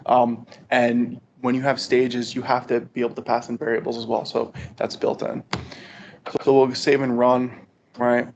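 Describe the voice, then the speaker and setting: In a monotone, slightly mellow mid-range voice at a moderate pace, a man presents a casual technical walkthrough to his study group, often checking in with "right?". The group meets in person with a video conference call, and the recording is dull and lo-fi with background noise.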